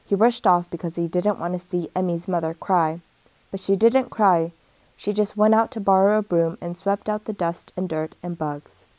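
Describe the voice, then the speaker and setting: Gentle woman reading a storybook, dry. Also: on the low side, moderate pace, no echo. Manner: gentle storytelling, lifts her voice for the characters. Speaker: storybook reader. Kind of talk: picture book read-aloud.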